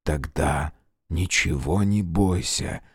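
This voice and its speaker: A man voicing a courteous, demonic gentleman who speaks slowly and solemnly in an audiobook. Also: low-pitched, lively intonation, no echo, studio quality, pitched below the performer's own voice. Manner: slow and solemn. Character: suave demonic male seducer, courteous and solemn.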